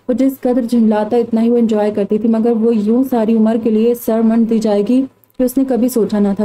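A woman narrating a romance novel in steady, scripted reading. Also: fairly high pitch, poor audio. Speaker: audiobook narrator.

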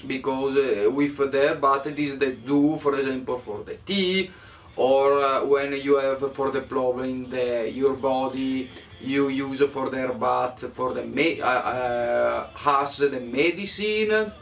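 A man's voice: mid-range voice, takes it slowly, gravelly, far from the mic. A young man speaking broken, searching English as a second language, as a volunteer interviewed indoors by a fireplace. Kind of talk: halting interview answers. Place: living room by a fireplace.

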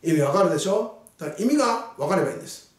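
Lively male teacher in an echoey room. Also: high voice, recorded from a distance. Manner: slow, deliberate reading of English sentences; animated explaining with frequent "ne" tags. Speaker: English teacher. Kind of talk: spoken English lesson. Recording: echoey room, set back from the mic.

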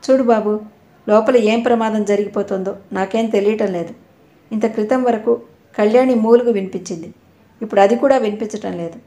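A woman's voice: medium pitch, fairly even intonation, brisk, dark tone, natural voice. A woman voicing a worried older father who pleads frantically. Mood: frantic pleading. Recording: roomy echo.

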